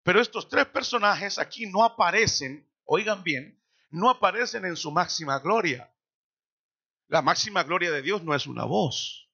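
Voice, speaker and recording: A man preaching a sermon in a church, slowing down dramatically for quoted lines. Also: sits high, expressive, creaky, sharp tone, breathy edge, highs cut off. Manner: dramatic preaching with slow emphatic quotations. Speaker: pastor.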